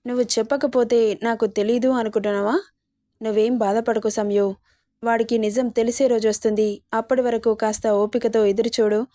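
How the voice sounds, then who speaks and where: A woman's voice: a little high, level tone, normal speed, dark tone, natural voice. A woman voicing a kind mother-in-law who comforts her daughter-in-law and scolds her son. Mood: comforting.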